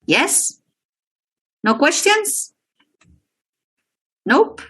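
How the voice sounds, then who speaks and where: Woman teaching english online, slow, pitch bounces around a lot. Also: sing-song, fairly bright tone. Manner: switches between English and Spanish prompts.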